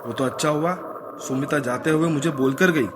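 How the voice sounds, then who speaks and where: A man's voice: a little high, normal speed, noisy background, lightly acted. A man voicing a worried protective mother. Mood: warning. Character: protective worried mother, middle-aged woman. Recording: voice over loud background music.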